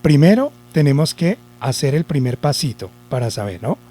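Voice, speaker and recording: A male teacher giving a spelling lesson to children, deliberate, repeating the rules and asking himself questions. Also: a little high, very animated, warm tone.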